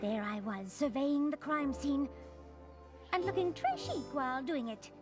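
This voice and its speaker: A woman's voice: sits high, very animated, a little slow, music in the background. An actress voicing a fashionable, theatrical young female pony who plays detective and narrates the story. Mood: narrating. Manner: theatrical, refined, gushing over fabrics. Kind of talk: cartoon voice acting with narration.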